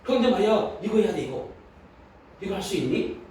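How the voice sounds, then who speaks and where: A male pastor voicing God, gently pressing a believer with repeated questions. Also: high-pitched, very animated, a little fast, slight background noise. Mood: coaxing. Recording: echoey hall, distant mic.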